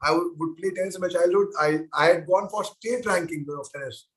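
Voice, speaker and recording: A man's voice: sits high, fairly quick, a bit bright. A man answers children's questions over a video call. His manner is playful and teasing, and he speaks directly to each child by name.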